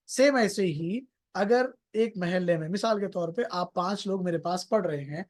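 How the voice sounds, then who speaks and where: A tajweed teacher giving an explanatory religious lesson, patiently defining terms one by one with everyday examples and slowing down on English phrases. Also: medium pitch, a little mellow. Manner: slows down sharply on English phrases.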